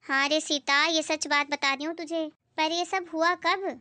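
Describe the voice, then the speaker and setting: A woman's voice: high voice, fairly even intonation, normal speed, sharp tone, dry recording. A woman playing a meddlesome, gossipy middle-aged neighbor in a comedy skit. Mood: gossiping. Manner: gossipy, breathless, busybody.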